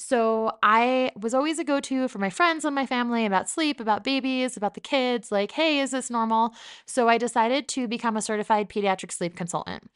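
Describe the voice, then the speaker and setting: Smooth-voiced upbeat woman podcast host. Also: on the high side, fairly quick, few pauses. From New Jersey. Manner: chatty, upbeat and candid. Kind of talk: casual solo podcast monologue.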